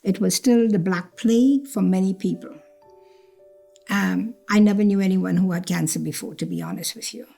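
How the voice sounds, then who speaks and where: Speaking at a moderate pace in a medium-pitched, mellow voice with a gravelly fry, an older woman from Trinidad looks back on her life as a cancer survivor in a storytelling interview. She's reflective, repeats herself and voices others' words, with soft music faint behind her.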